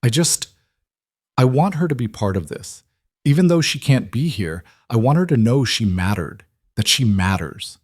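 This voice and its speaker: A man's voice: mid-range voice, lively intonation, normal speed, dry recording, studio quality, lightly acted. A man voicing a composed female CEO and young mother in a storybook narration, firm and persuasive. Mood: tender.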